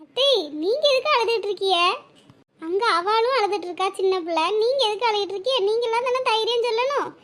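A woman's voice: very high voice, fast talker. A woman voicing a kind, reassuring young married woman in a cartoon, speaking in a firm, comforting way. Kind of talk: cartoon voice acting.

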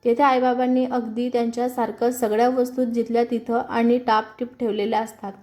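A woman reads a family story aloud in a calm, steady way. Her voice is mellow and a little high, and stays flat with little rise and fall. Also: brisk. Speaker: story narrator. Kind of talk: scripted story narration.

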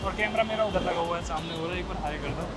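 A man's voice: high-pitched, racing, music in the background. A man, a YouTuber posing as a beggar in a street social experiment, pleading persistently for money and food. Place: outdoor city street.

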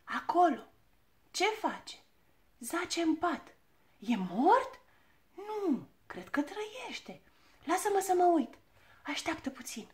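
A woman's voice: extremely high pitch, very animated, pauses often, darkish tone, pitched above the performer's own voice. A woman voicing quarrelling little girls in a children's storybook reading, hissing and bickering. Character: squabbling little girls, sharp-tongued.

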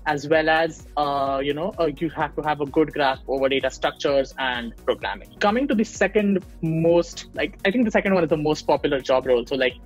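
This young man from India speaks a bit high and briskly, barely pausing, as he walks through his work as a machine learning engineer during a relaxed video-call interview, full of fillers and false starts. Earbuds in a small home room give a muffled sound, with soft music playing underneath.

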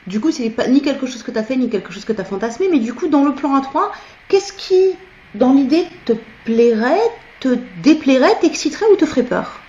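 A woman's voice: sits high, lively intonation, moderate pace, warm tone, lo-fi sound. A woman interviewing people casually over a video call, rephrasing her questions to probe further.

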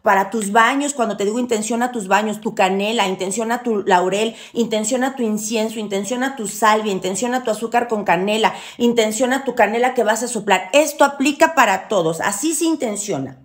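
A woman with a Mexican accent teaching a ritual in a loud, boisterous, chatty way, full of teasing slang and endearments. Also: on the high side, fairly quick, hardly any pauses. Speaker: witchcraft teacher. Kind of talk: casual spoken tutorial.

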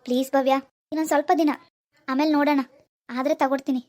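Woman playing a heartbroken poor young village man, cartoon voice, high and monotone, hurried pleading. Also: natural voice. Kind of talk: cartoon dialogue voice acting.

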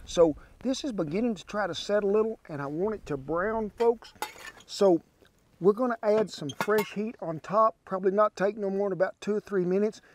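Man, 60s, Southern US accent, folksy drawl, fairly high voice, outdoor cooking demo, windy ranch camp, lapel mic. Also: normal speed. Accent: Southern US (Oklahoma). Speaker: cooking show host. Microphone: wireless lapel mic.

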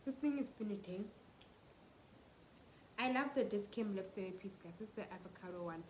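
A woman's voice: medium pitch, expressive, fairly quick, a little mellow, a little hiss or hum, poor audio. A South African woman in her twenties, vlogging casually at home with a stuffy, fluey voice, talking to a phone camera held at arm's length. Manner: chatty, mixing in Setswana phrases. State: congested with flu. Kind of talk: casual vlog chat. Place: home living room and bedroom.

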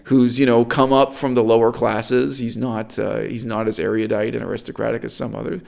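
Man, middle-aged, gravelly, emphatic opinionated talk, from canada. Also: medium pitch, fairly quick. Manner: animated, emphatic, critical. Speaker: host. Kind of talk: opinionated discussion.

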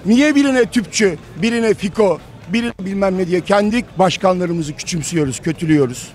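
A hoarse man in his fifties, a football fan insistently lecturing other fans in a heated street interview outdoors. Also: sits high, animated, brisk. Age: 50s. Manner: lecturing, insistent, repeats himself.

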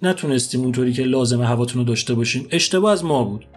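A man voicing a patient male record label boss who calmly reassures a distressed singer. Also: mid-range voice, faint music behind, natural voice. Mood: soothing. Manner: soothing, reassuring.

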